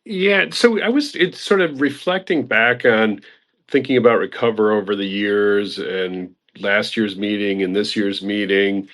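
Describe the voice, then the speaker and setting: A man with a low voice speaks slowly in a casual online audio-room discussion. He sounds reflective and unhurried as he thinks back over things. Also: a bit bright. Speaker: discussion participant.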